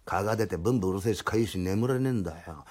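Guy putting on a lazy broke tenant, low and flat, husky. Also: racing. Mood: grumbling calmly. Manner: low, unbothered, deadpan. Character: lazy deadpan male tenant, broke carpenter. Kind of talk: comic storytelling.

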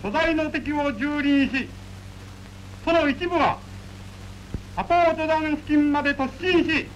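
A male radio announcer reads a formal official war bulletin in an old wartime radio broadcast, with a slow, measured delivery. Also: very high-pitched, poor audio. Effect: old wartime radio broadcast recording. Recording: old radio recording with faint hiss and hum.

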